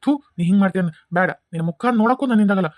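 A woman voicing an angry, protective father who scolds fast and heatedly, with a North Karnataka accent. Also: mid-range voice, a little mellow, no room sound, voice pushed down, natural voice. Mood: furious. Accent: North Karnataka Kannada.

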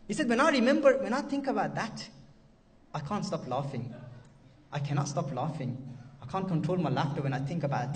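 A man's voice: medium pitch, darkish tone, recorded from a distance, a little hiss or hum. Man preaching from off the mic. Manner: emotive, repeats and restarts phrases. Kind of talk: sermon storytelling.

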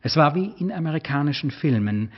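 A man's voice: a little high, slightly rough, dull audio. Man reading literary prose aloud. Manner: measured, expressive reading. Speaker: author.

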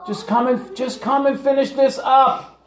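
A woman's voice: high-pitched, fairly even intonation, measured pace, crowd noise. A woman, an aunt filming her niece at a home kitchen table, scolding in exasperation and repeating herself. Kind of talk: casual home video. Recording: clatter of dishes and cutlery.

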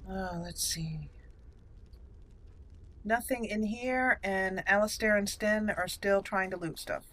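Talking to the characters as she plays, a woman hosts a chatty, playful roleplay game commentary for her gaming channel. Her voice is mid-range, slow, and fairly bright, with a little hiss or hum on the audio.

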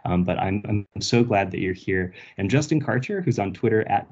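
A man hosting a reading over a group voice chat. He introduces readers in a halting way with many ums and restarts. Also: fairly low pitch, lively intonation, a little mellow, dull audio. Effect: heard over a group voice chat. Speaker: host of a reading series.

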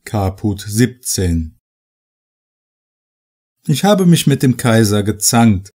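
Guy reading an old poem real slow, warm low-key voice, dramatic recital feel. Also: very animated. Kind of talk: scripted poetry reading.

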